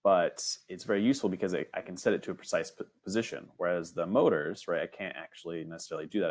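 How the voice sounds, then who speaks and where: A young man teaching an online robotics lesson in a casual, rambling way, often checking in with "right?" and filling pauses with "um". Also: deep voice. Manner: casual, filler-heavy, frequent "right?" checks.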